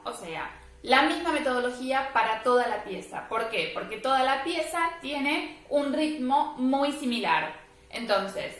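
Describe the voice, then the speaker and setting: A woman's voice: fairly high pitch, fairly bright tone. A woman teaching violin step by step, patiently explaining and checking in with her students. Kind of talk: step-by-step music lesson. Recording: very echoey room.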